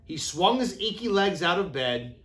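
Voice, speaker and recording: A thirty-something man, reading like an educator to young children, takes a picture book through slow, expressive phrasing inside a classroom. His voice sits high.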